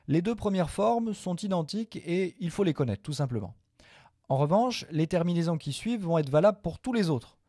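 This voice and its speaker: A man's voice: on the high side, mellow, no echo, clean studio sound. Patient man teaching Latin grammar. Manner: patient, repeats forms slowly with fillers. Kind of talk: explaining grammar to viewers.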